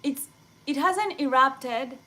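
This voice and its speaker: A young woman from Kenya chatting casually with viewers on a livestream, rambling excitedly with many fillers. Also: high voice, takes it slowly, poor audio. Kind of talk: casual live chat.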